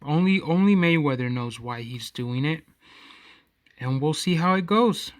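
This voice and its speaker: A man's voice: on the high side, expressive, a little slow, no room sound. A man hosting his own podcast, giving casual solo commentary in a rambling way and often correcting himself as he goes. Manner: rambling, self-correcting, conversational. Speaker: podcast host.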